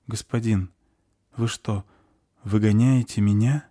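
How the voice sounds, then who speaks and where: A distraught old goblin servant, frail and devoted, pleading with his master, as a man puts him on. The voice sits higher than the reader's own, over a warm, dry read. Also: steady tone, slow pace, no room sound.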